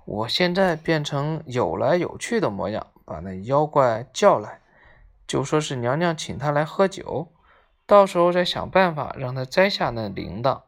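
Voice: mid-range voice, big pitch swings, moderate pace, vocal fry. A storyteller voicing a cocky, clever male monkey king who taunts his enemy boldly, in a children's storybook reading. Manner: taunting, bold.

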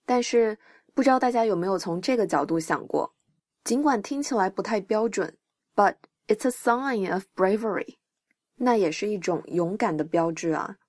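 A woman teaching English on her podcast, talking in an encouraging way as she explains each term one step at a time. Her voice sits at an ordinary middle pitch for a woman. It is recorded close and dry, with no room sound around it. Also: lively intonation, normal speed, a little mellow, no room sound. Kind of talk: scripted podcast lesson.

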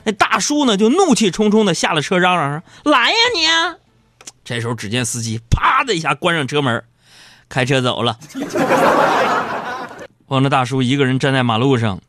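A man's voice: mid-range voice, normal speed, slight background noise. A man hosting a radio show, telling comic stories in a playful, bantering way. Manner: storytelling, lively and bantering. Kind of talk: comic monologue.

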